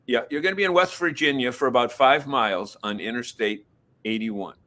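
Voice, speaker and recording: A man's voice: mid-range voice, a little fast, sharp tone. A man co-hosting a casual talk show, easygoing and given to teasing his partner. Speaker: co-host. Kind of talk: casual chat.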